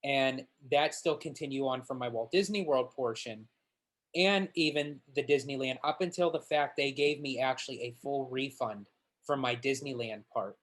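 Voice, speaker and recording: A man's voice: medium pitch, normal speed, fairly bright tone. A man co-hosting a casual fan podcast, talking conversationally with wry jokes. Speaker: podcast co-host. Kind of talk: casual chat.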